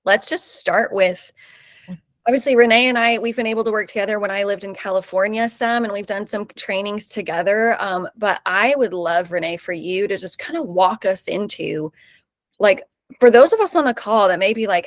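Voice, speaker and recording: Host, woman; warm-up and question lead-ins, encouraging, chatty; dry close sound. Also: medium pitch, normal speed, dry recording. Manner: upbeat, encouraging, asks questions. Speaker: podcast host. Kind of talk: conversational interview hosting.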